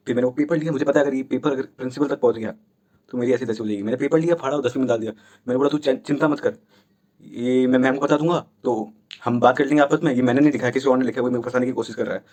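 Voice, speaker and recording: A young man casually retelling a school story from his childhood, chatty and animated, voicing the people in it as he goes. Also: medium pitch, rapid-fire.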